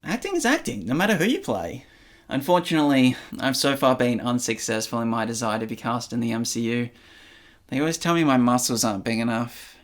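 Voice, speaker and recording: A man's voice: medium pitch, animated, fairly quick. A young man in a comic vlog, goofy and self-mocking, recorded on a phone in his bedroom. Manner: goofy, self-mocking, tries silly voices. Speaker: comedy video creator. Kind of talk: comic vlog and audition practice. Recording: music bed underneath.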